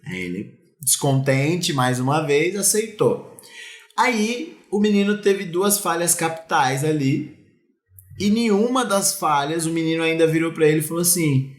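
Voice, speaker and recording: A man with a Brazilian Portuguese accent tells stories on a casual podcast, his voice sitting a little high. He is a youth sports coach who slips into the voices of the people he describes. The sound is roomy and echoey. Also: unhurried. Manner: animated, acts out dialogue in his stories.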